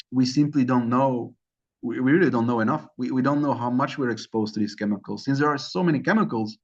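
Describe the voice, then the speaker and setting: A young man giving an academic lecture, speaking loosely with many fillers and restarts. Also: mid-range voice. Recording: slightly dull lo-fi recording.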